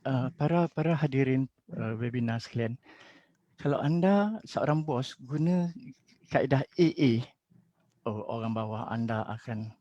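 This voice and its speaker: Middle-aged male counselor, animated storyteller; close dry mic, muffled webinar sound. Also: medium pitch, measured pace, no echo. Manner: lively storytelling, acts out quotes. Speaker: school and university counselor. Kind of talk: webinar talk. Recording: dull lo-fi webinar audio.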